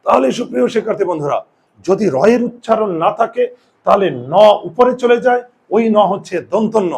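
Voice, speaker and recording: A man's voice: sits high, brisk, vocal fry, darkish tone, breathy edge. A male Bengali grammar teacher giving a classroom spelling lesson, explaining step by step and answering his own questions, with students in the room.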